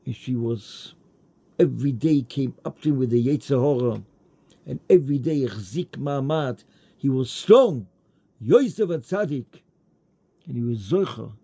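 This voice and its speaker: A man giving a Torah lecture in English mixed with Hebrew and Yiddish terms, emphatic, rising high on rhetorical questions. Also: animated, a little slow, creaky, warm tone, husky.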